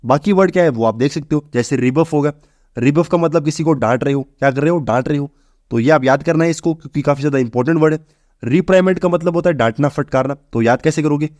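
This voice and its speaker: Young guy rattling thru a vocab lesson super fast, kinda high voice, dry close sound. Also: a little mellow, dry recording. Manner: brisk, repetitive, asks and answers his own questions. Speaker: vocabulary teacher. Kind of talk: exam-prep vocabulary lesson.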